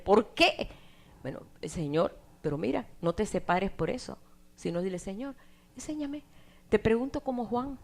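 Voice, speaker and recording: A middle-aged woman preaching a sermon, swinging from loud emphatic lines to hushed, near-whispered asides. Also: mid-range voice.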